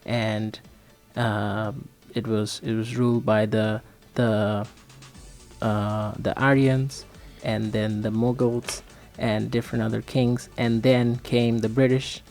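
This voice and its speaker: Man, measured explainer, flat delivery, faint music bed. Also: lowish voice. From Bangladesh. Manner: measured, explanatory, many fillers. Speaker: radio guest. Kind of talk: casual explanation.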